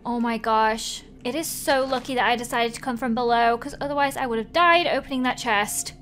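A woman's voice: a little high, fairly quick, a bit bright, slight background noise. A woman hosting a gaming video with casual commentary, thinking aloud in a chirpy, exclamatory way into a close microphone.

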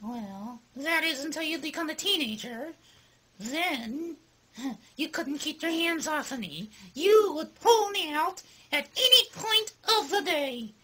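Squeaky, cheeky ventriloquist dummy boy. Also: expressive, takes it slowly, pushed and bright, exaggerated voice, poor audio. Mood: indignant. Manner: taunting, insinuating. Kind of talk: ventriloquist comedy act.

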